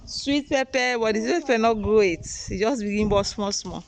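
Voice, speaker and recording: A woman's voice: a little high, normal speed, background noise. A woman with a Sierra Leonean Krio accent chatting casually as a mother in her garden, repeating short instructions to children. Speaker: mother hosting a home cooking vlog. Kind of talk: casual chat, coaxing children and showing the garden. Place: small home garden, outdoors.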